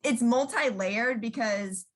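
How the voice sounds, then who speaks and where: A woman's voice: a little high, slow. A woman, chatting casually as an interview guest and telling stories full of fillers. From New York, USA. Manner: chatty storyteller with many fillers, acting out quoted voices.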